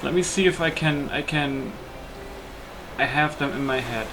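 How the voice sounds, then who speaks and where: A man with a mid-range voice gives casual let's play commentary as a gaming host, thinking aloud hesitantly and at an unhurried pace. Loud music plays behind his voice, adding background noise.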